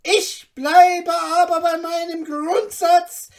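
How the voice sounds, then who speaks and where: A woman voicing a rasping, unyielding male merchant in a storybook reading. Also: level tone, takes it slowly, darkish tone, heavily acted. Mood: scornful. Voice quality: rasping, shrill.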